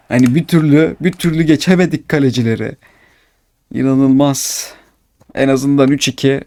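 A man commentating his own football video game match, swinging between calm narration and excited, complaining outbursts. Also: medium pitch. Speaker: gaming YouTuber.

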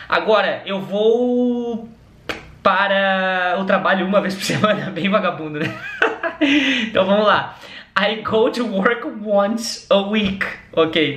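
A Brazilian man teaching English to beginners, joking and chuckling at his own jokes and slowing down to model phrases. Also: high voice, pushed and bright, reverberant. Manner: jokey, chuckles at own jokes, slows down for drills.

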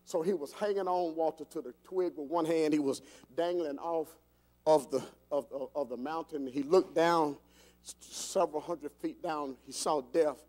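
A pastor preaching an animated sermon in a church, asking the congregation call-and-response questions and building to shouts. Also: male voice, a little high, normal speed. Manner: repeats words, rising to shouts. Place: church sanctuary.

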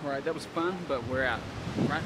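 A young man vlogs his travels on a handheld camera held at arm's length, chatting casually in a mid-range voice at a moderate pace, with slang and the occasional swear. He moves from a beach and trails outdoors to a small indoor room, and the handheld outdoor audio is noisy.

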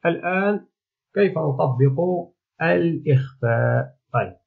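A man teaching a recorded remote lesson, explaining patiently step by step with frequent pauses. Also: fairly high pitch, lively intonation, gravelly. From Morocco. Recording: tinny phone-like audio.

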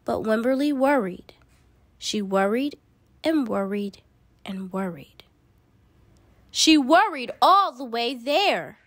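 A woman reads a picture book aloud for children. Her voice is a little high and very varied in melody, and she takes her time with each phrase in a deliberate, expressive way. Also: no echo. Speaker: storybook reader.

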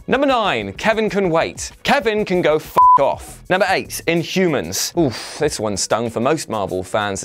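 A man in his thirties hosting a chatty, jokey scripted countdown in a wry manner, his diction slightly mush-mouthed from a mouth ulcer. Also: mid-range voice. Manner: animated, wry, punning. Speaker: host of an online list show. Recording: music behind the voice. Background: background music.

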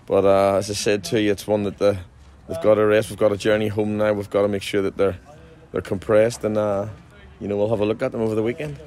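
Low-voiced man, pitchside interview. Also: level tone, fast talker, few pauses, a little mellow. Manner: chatty, frequent restarts and fillers. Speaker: football manager. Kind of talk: post-match interview. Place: outdoors at a football ground at night.

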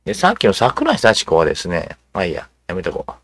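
Low-voiced man musing over online replies. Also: huge pitch swings. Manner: musing, halting, with many fillers and asides. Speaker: commentator. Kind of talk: casual commentary, reading social media replies aloud.

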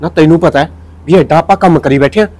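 A man playing an older, secretive village father in a short film, talking calm and gruff. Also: a little high, fast talker, natural voice, poor audio. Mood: scheming. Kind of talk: Punjabi short film acting.

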